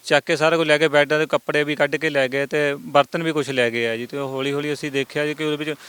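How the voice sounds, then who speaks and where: A man's voice: fairly high pitch, level tone, fast talker, a bit bright, smooth, dry recording. A man politely telling a reporter, item by item, what was taken from his home. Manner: polite, listing items one by one. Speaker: homeowner, theft victim. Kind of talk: interview.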